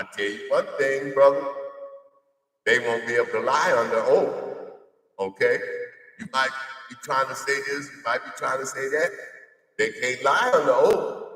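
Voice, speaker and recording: Recorded at a distance in an echoey room, a man in his sixties, an addiction counselor of 65, gives a confrontational, preachy monologue full of defiance. He keeps addressing the listener as "brother," in a mid-range, slightly bright voice.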